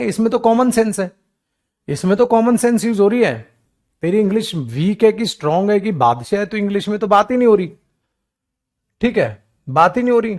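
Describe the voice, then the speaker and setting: This classroom lecture on English grammar, aimed at government exams, mixes English examples with Hindi explanation. The male teacher is animated, affectionately scolding and coaxing his students, whom he calls beta, and he parodies whiny students in a low, feeble voice.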